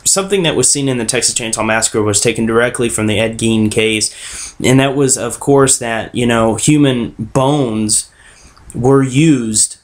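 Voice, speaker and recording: A young American man with a sore throat hosts a true crime vlog in a casual, halting, self-correcting way. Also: mid-range voice. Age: young adult. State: sore throat, slightly under the weather. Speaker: host of a true crime web series. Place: bedroom, indoors. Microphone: webcam or computer mic at desk distance.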